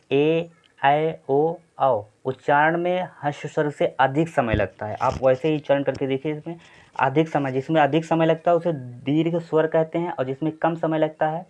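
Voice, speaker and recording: Man teaching Hindi grammar, slightly raised pitch. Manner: explanatory, repetitive, frequent "thik hai" check-ins. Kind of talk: exam-prep Hindi grammar lesson. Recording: slightly dull lo-fi sound.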